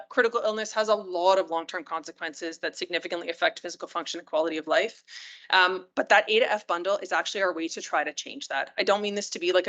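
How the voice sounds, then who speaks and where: A woman's voice: mid-range voice, a bit bright. A woman critical care physician giving a hospital rounds lecture in a conversational way, often checking in with her listeners. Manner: many fillers and restarts.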